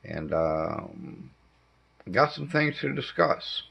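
A middle-aged man with a hoarse voice impaired by throat cancer treatment, giving a halting, casual update at home with many pauses. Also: medium pitch, big pitch swings, a little hiss or hum. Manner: slow, halting delivery with frequent ums. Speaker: homestead vlogger. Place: dim living room indoors. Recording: dull lo-fi camera audio.

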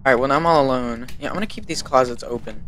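A male streamer chatting casually with friends while playing a horror game, excitable and joking, often repeating himself. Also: mid-range voice, very fast, slight background noise. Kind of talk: casual gameplay chat with friends.

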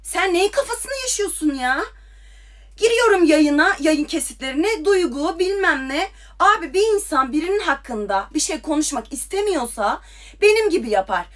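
A woman's voice: sits high, animated, moderate pace, fairly bright tone. A young woman ranting heatedly into her phone on a livestream, firing off confrontational questions. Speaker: TikTok livestreamer. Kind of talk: angry livestream rant.

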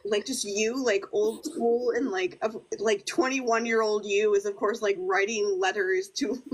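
A woman's voice: a little high, low-quality recording. Giggly woman podcast co-host. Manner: giggly, heavy use of "like". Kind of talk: casual chat.

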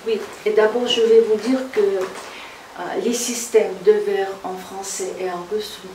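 A woman, a translator giving a halting reading talk full of fillers. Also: medium pitch, fairly even intonation, mellow. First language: Russian. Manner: slow, halting, with many fillers. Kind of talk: reading talk with audience questions. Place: reverberant room in a château. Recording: echoey room, distant mic, faint noise.

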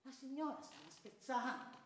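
An amateur stage actor playing Ciampa, a bitter, proud, wronged middle-aged clerk, swinging from hushed to shouting, recorded from afar on an echoey stage. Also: male voice, extremely high pitch, sing-song, moderate pace, recorded from a distance, a little hiss or hum. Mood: bitter, pleading. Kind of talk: stage theatre performance. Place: theatre stage. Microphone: distant room mic.

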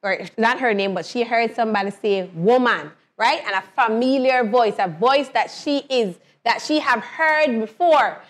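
A woman hosts a Bible lesson, her voice sitting a little high. She repeats key phrases and tosses questions to her co-hosts before answering them herself. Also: normal speed, hardly any pauses. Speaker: host leading a Bible lesson. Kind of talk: lively Bible storytelling and questioning.

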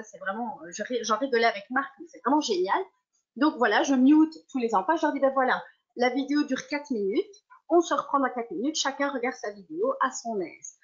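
A woman primary school teacher presents her online lessons to colleagues in a webinar. She explains things in a lively way, often circling back and correcting herself. Her voice sits a bit high, and the video call audio comes through dull and lo-fi.

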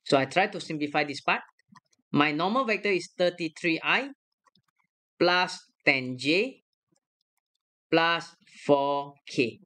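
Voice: mid-range voice, expressive, slow pace, pauses often, a bit bright. A math lecturer talking through a worked problem step by step on a screen recording, checking each sum aloud. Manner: works aloud step by step, checking their own sums.

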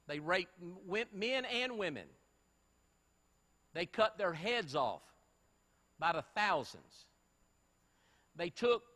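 Pastor guy preaching hard, high forceful voice, long echo off the church walls. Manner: emphatic preaching, rhetorical questions to the congregation. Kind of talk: sermon. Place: church sanctuary.

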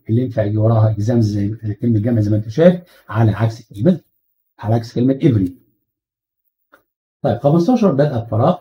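A man with an Egyptian Arabic accent teaching an exam-prep English grammar lesson. He asks rhetorical questions and slows down to stress English phrases. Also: medium pitch, highs cut off.

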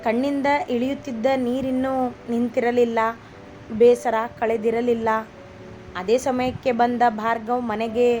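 A woman's voice: on the high side, level tone, unhurried, dark tone, a little hiss or hum. A woman reading a family love story aloud as a storyteller, evenly voicing each character herself. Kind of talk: scripted story narration.

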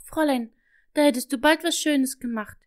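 A woman voicing a lively, eager little girl in a storybook, talking in an excited, pleading way. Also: sits high, moderate pace, no room sound, clean studio sound, voice pushed up, lightly acted.

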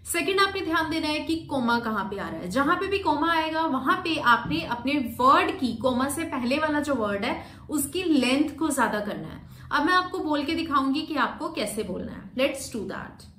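A woman teaching exam speaking skills in a Hindi-English video lesson, explaining step by step and reading sample sentences very slowly. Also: high-pitched, animated, fairly bright tone. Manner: explains step by step, slows sharply for demonstration readings. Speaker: PTE exam coaching teacher. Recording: roomy echo with faint background noise.

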